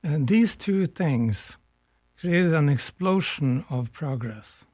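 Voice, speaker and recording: Older Norwegian-born man, thoughtful and mellow. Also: on the high side, animated, no room sound, studio quality. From Norway. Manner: reflective, slow and searching with pauses. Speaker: guest, economics professor emeritus. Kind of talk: radio conversation.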